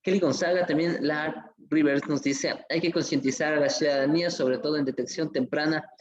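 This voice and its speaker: A man's voice: fairly high pitch, fairly even intonation, fairly quick, dull audio. A man hosting an online conference, effusive and promotional, reading out viewer comments. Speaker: event host. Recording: echoey room with faint music.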